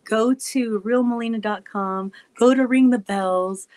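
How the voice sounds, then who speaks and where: A woman's voice: on the high side, unhurried, a little mellow, low-quality recording. Giggly, goofy woman chatting to viewers. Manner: giggly and goofy, laughs often; chatty with many fillers. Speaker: wrestler vlogger answering fan questions. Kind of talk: casual chat to viewers.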